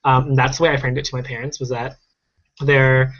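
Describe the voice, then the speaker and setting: A college-age man from Arizona speaks on a student panel over a video call. He walks through his reasoning point by point, pausing on fillers. The sound is dull and lo-fi. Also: mid-range voice, level tone, fairly bright tone. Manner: organized, thinking aloud with fillers. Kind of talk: casual panel talk.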